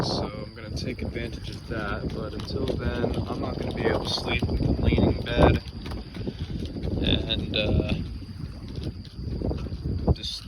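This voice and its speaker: At night beside an island, a sleep-deprived young man narrates a casual vlog from his small sailboat in a mid-range voice. He talks slowly and rambles with fillers and the occasional swear, and the noisy outdoor phone recording picks up water, boat sounds and crickets.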